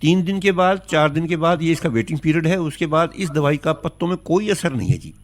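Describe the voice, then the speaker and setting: An agriculture expert from North India gives courteous, instructive advice on a phone-in show, repeating the key points. His voice is a little high and animated, and he talks a little fast.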